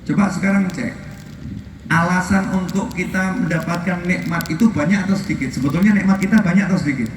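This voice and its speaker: Man, lively sermon, animated, distant mic, faint outdoor ambience. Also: high voice, brisk, echoey room, background noise. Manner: animated, shouts and mimics people. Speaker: preacher. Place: outdoor field gathering.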